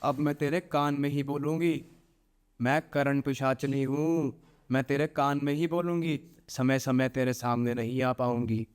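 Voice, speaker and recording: A man voicing a menacing female demon spirit who bargains greedily, speaking slowly and low. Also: flat delivery, clear, resonant tone, close to an everyday voice. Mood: commanding. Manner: slow, low, threatening delivery.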